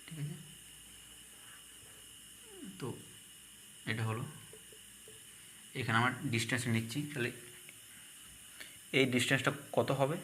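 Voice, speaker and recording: Bright-voiced man teaching math. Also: medium pitch, slight background noise. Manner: asks questions then answers them himself. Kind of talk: explaining a math lesson.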